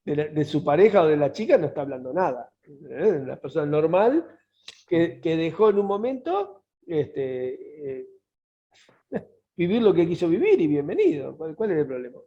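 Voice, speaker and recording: A man's voice: fairly high pitch, sing-song, normal speed. A man, co-hosting a casual podcast and reasoning through his points step by step. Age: 50s. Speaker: podcast co-host. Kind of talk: casual conversation. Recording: dull lo-fi sound.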